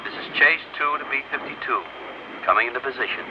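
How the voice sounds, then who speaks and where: A chase pilot, aircraft radio, clipped procedure talk, distant muffled voice, loud engine roar. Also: male voice, medium pitch, quick pace, very noisy. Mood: businesslike. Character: male chase plane pilot reporting position. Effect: over an aircraft radio.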